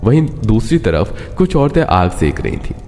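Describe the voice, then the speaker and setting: Deep, mellow male story narrator. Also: very animated, normal speed. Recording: long reverb, faint background music.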